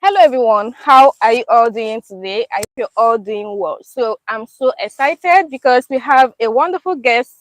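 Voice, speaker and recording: A woman's voice: on the high side, animated, moderate pace, few pauses, no echo, low-quality recording. Upbeat woman hosting a chat outdoors. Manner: upbeat, laughs often. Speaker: YouTube host. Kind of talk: casual live-stream chat. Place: outdoors in a park.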